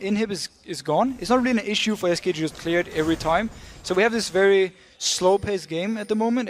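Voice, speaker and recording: A man giving analytical color commentary on an esports match, explaining the teams' strategy. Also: high-pitched.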